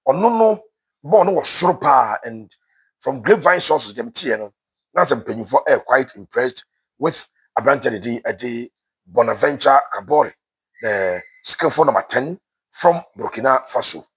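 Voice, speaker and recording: A man's voice: medium pitch, fairly bright tone, slightly rough. A man with a Ghanaian accent giving casual football transfer news, switching between Twi and English with frequent "eh" fillers. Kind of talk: casual sports news commentary.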